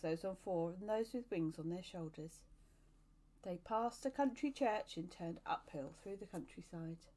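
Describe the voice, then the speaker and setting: A woman's voice: medium pitch, warm tone. Woman reading a novel aloud. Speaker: storyteller.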